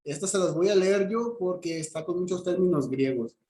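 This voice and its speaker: A male teacher with a high, warm voice lectures a class at a moderate pace, explaining step by step. He keeps checking in with "¿ok?" and often restarts his sentences. The sound is roomy.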